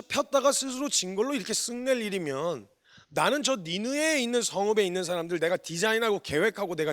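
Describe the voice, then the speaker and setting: A man voicing God as a patient, emphatic reasoner. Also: sits high. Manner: slow, emphatic, rising and louder. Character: patient male God reasoning with a sulking prophet.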